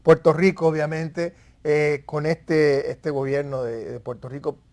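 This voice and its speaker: Guy w explaining stuff in an interview, kinda halting, repeats words. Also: on the high side, little pitch movement, a little mellow. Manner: halting, repeats words while searching for phrasing. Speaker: expert guest. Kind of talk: conversational panel recap in an interview.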